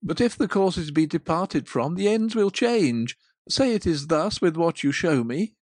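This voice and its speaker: A woman voicing a frightened old miser who pleads loudly and urgently, in a dry, close recording. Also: lowish voice, lively intonation, measured pace, no room sound. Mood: pleading. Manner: loud, urgent, beseeching.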